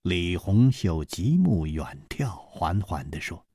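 A male storyteller with a husky voice and a slow, measured pace. His pitch moves widely. The sound is dry and close. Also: very animated, mellow, no echo. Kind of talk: Chinese storytelling narration.

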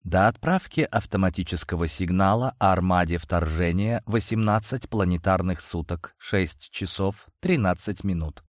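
Man doing an emotionless ship AI, slow flat reports, low voice, dry. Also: no echo, natural voice. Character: emotionless ship artificial intelligence.

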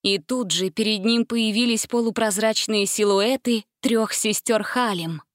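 Woman storybook narrator, measured delivery, mid pitch, dry close recording. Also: no room sound. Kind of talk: storybook reading.

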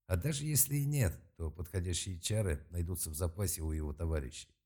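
A man narrating an audiobook in a steady, measured reading voice. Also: low-pitched, breathy edge. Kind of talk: scripted narration.

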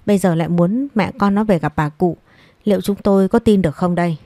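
A woman voicing an older mother-in-law who speaks calmly and measured but distrustfully. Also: lowish voice, dry recording, close to an everyday voice. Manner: calm, measured.

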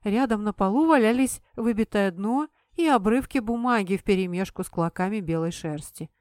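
A woman reading a fantasy story in the first person, expressive and lively. Her voice sits at a medium pitch. It is recorded close and dry, with no room echo. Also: moderate pace. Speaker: audiobook narrator.

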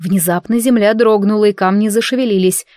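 A woman narrating a fantasy novel in an even, measured storytelling voice. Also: mid-range voice, no echo, clean studio sound. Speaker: audiobook reader.

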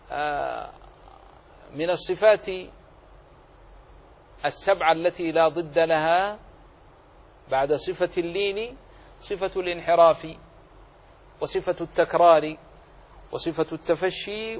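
A man with a high voice gives a lesson on recitation rules. He stretches out single words slowly to demonstrate each sound, then explains it plainly, in the measured manner of a teacher. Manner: slow drawn-out demonstrations of vowel sounds. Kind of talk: tajweed lesson with recited examples.

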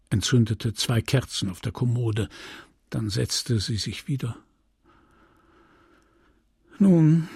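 A man narrating a literary audiobook in a calm, measured, intimate way, recorded close to the mic. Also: medium pitch, creaky, slightly rough, no room sound. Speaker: audiobook reader.

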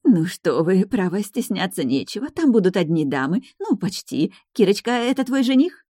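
A woman's voice: medium pitch, big pitch swings, normal speed, dark tone, husky, no echo, studio quality. A woman reading an audiobook, voicing a flustered, coquettish older female manager in a raised, gushing voice.

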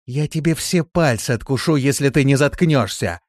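Voiced by a male audiobook reader, a cruel demon woman speaks in a cold, hissing deadpan, her threats flat and unhurried. The voice sits a little above his usual pitch, in a close, dry reading. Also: no echo. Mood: menacing. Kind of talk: audiobook character voice.

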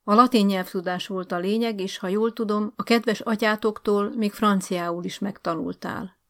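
A careful, formal school director , as a woman storyteller plays him who keeps everyone calm with polite, measured phrasing. The voice has a gravelly rasp. Told as an audiobook. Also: medium pitch, natural voice. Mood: placating. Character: cautious middle-aged male school director.

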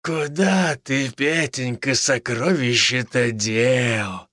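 A man's voice: on the high side, animated, measured pace, creaky, sharp tone, dry recording, clean studio sound, full character voice. Casting note: a man playing a sneering, drawling old village killer in an audiobook. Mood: gloating. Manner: drawling, mocking, chuckling. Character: creepy, gloating old village murderer, male.

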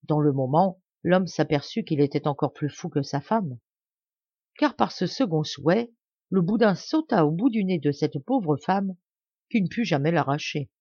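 Female audiobook narrator, clear even storytelling; dry, muffled recording. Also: low voice, normal speed, no echo. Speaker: audiobook reader. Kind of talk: reading a classic fairy tale aloud. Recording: dry, slightly dull home recording.

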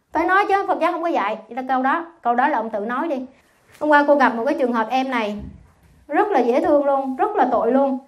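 High-voiced Buddhist nun giving a dharma talk. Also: female voice. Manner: animated, scolding, colloquial storytelling.

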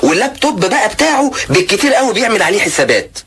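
A man's voice: high voice, big pitch swings, very fast, a bit bright, exaggerated voice. A dry, mocking Egyptian man. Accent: Egyptian Arabic.

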